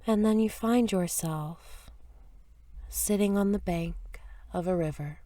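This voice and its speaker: With no room sound in the recording, a woman leads a guided meditation in a medium-pitched voice. As a meditation teacher she sounds soft, gentle and soothing, at times breathy. Her phrases are unhurried and separated by long pauses.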